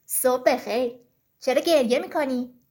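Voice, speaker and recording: A woman voicing a helpful fox in a children's story, dropping her voice lower and speaking steadily. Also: warm tone, slightly rough. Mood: kindly.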